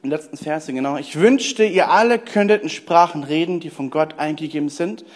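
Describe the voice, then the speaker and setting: A man preaching a lively sermon, telling stories and speaking straight to his listeners. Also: on the high side, moderate pace. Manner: lively storytelling preacher, addresses listeners directly. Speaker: pastor.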